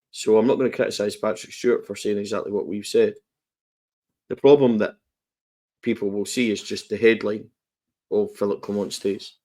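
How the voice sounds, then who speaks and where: A man's voice: on the low side, darkish tone. A Scottish man co-hosting a football podcast, rambling and self-deprecating while coughing through a lingering cold. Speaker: podcast co-host. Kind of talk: casual football chat.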